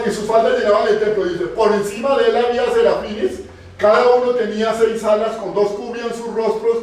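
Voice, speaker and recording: A male pastor preaching a sermon, putting questions to the congregation and repeating key phrases for emphasis. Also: high-pitched. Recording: echoey church from far off.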